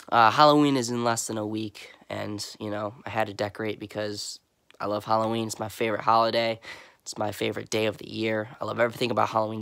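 Holding his phone camera at arm's length, a young man shows off his dark, Halloween-lit bedroom in a casual vlog. His congested voice is fairly low with vocal fry, and he rambles along with plenty of fillers.

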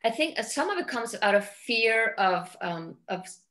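Icelandic woman, middle-aged, film director, casual video-call chat, thoughtful, halting phrasing. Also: a little high, sing-song, a bit bright. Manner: thoughtful, repeats words while searching for phrasing. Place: home room with large windows.

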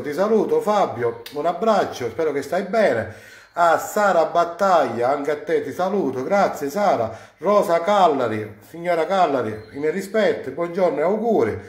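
A man from Sicily hosting a cooking live stream from his home kitchen, warmly greeting viewers one by one and drawing out their names. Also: a little high, echoey room. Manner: warm, effusive greetings, drawn-out names. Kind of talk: casual live-stream shout-outs.

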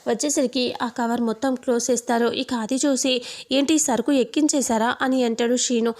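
A woman recapping a TV serial episode in a plain, steady storytelling manner. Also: fairly high pitch, brisk.

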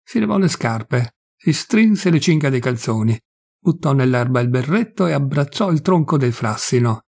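A man's voice: medium pitch, lively intonation, creaky, darkish tone, slightly rough. Solemn man reading a classic novel. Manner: measured, deliberate, solemn. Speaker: audiobook reader. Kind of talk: scripted narration of a classic novel.

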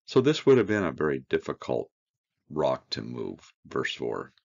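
A man teaching a verse-by-verse Bible study, reading scripture aloud and explaining it with slow, earnest emphasis. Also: a bass voice, wildly swooping pitch, vocal fry, a little mellow, highs cut off.

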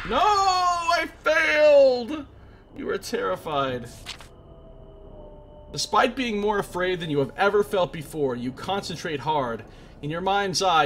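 A man's voice: fairly high pitch, a bit bright. A man doing a let's play, reading game text aloud theatrically and reacting casually as he goes. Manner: theatrical storybook-style reading. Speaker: game streamer. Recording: faint background noise.

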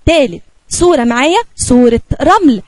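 A woman with an Egyptian Arabic accent teaching a kindergarten spelling lesson, slowly drawing out letter sounds for young children. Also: sits high, expressive, no echo.

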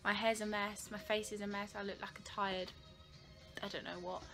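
A woman's voice: medium pitch, level tone, normal speed, pushed and bright. A young woman chatting casually and giggling as she vlogs a trip aboard a cruise ship, filming on a handheld camera. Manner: chatty, giggly, self-deprecating. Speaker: vlogger. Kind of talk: casual travel vlog. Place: cruise ship cabin and windy deck. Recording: music playing over the voice.

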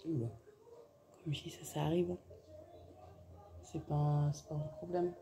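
A woman's voice: sits low, flat delivery, unhurried, noisy background. A tired woman, venting in a casual vlog to her viewers, talking in restarts and trailing phrases. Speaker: vlogger, mother. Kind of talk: casual vlog talk to camera. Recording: roomy echo, voice a bit far from the mic.

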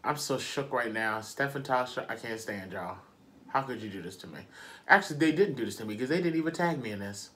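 A man's voice: mid-range voice, expressive, a little fast, sharp tone. An American man in his thirties with his mouth burning from spicy food, in pain and sighing, talking casually and dramatically to camera and repeating himself in exasperation. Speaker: mukbang vlogger. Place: small room indoors at home.

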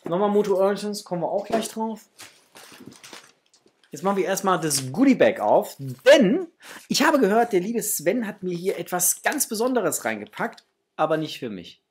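A man aged somewhere in his thirties or forties hosts a toy unboxing channel, speaking casually and lovingly to viewers from a small home room. He has a high, sing-song voice at normal speed and gushes affectionately. Slight noise sits in the background.

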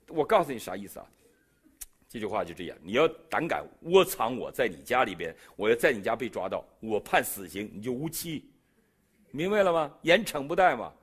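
A middle-aged man from China with a Beijing accent, telling his testimony in a sermon and acting out the dialogue. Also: slightly rough. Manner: animated storyteller who jumps in pitch and loudness, acting out dialogue. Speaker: preacher giving a testimony.

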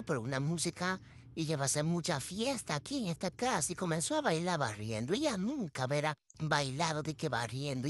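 A woman's voice: low-pitched, slight background noise. A woman voicing a sassy, indignant house cat who gossips about her owner in a chatty, exasperated way for a comic pet video voice-over. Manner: chatty, exasperated storytelling with exclamations.

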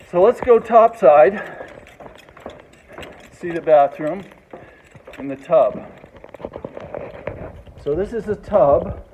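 High-voiced man on a tinny phone. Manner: plain explanatory, halting with fillers. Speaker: home builder. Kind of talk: DIY walkthrough narration. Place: unfinished house under construction, indoors. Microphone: phone camera at arm's length. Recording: tinny phone audio with noise.

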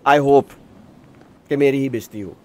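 A man streaming a role-play game, talking loudly and crudely into a headset and swearing often. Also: mid-range voice, a little slow. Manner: loud, crude, swears a lot.

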